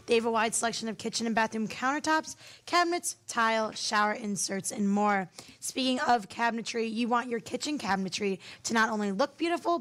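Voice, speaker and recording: A woman's voice: mid-range voice, fairly bright tone. Woman radio host reading sponsor copy. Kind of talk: radio show hosting. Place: radio studio.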